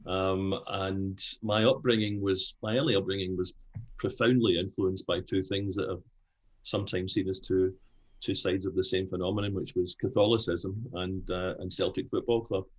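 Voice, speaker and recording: An older Scottish man talks as an interview guest in a very low, husky voice. He is frank and animated, and he often restarts his sentences. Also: moderate pace, low-quality recording. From Scotland. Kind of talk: conversational interview.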